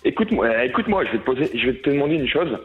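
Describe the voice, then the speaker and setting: A man's voice: mid-range voice, sing-song, very fast. A man calling a radio show, insistently repeating himself and pleading to be heard. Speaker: caller. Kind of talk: call-in radio. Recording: dull lo-fi phone line.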